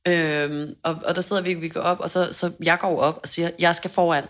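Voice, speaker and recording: A young woman co-hosting a casual chat, telling a story in an animated way, swearing freely and acting out quotes loudly. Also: lowish voice. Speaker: podcast co-host.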